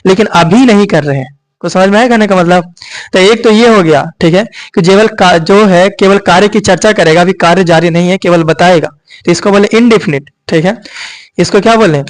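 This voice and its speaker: A coaching teacher explains grammar in a high, light male voice with a lilt. He keeps tossing questions at his students and answering them himself, and peppers almost every point with a quick check for understanding. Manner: repeats "ठीक है" and "यही ना" often, checking students understand. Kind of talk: grammar lesson.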